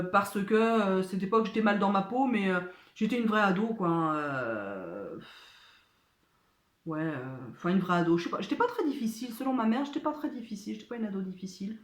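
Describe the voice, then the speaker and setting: Hesitant woman in echoey room. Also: medium pitch. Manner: hesitant, many fillers and restarts. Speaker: vlogger answering viewer questions. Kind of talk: casual chat.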